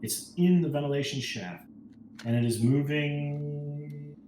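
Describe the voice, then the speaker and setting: This player's voice is on the high side, steady and slow, with background noise present. He talks in character at a tabletop RPG session, musing hesitantly and casually, over music in a roomy, echoing space.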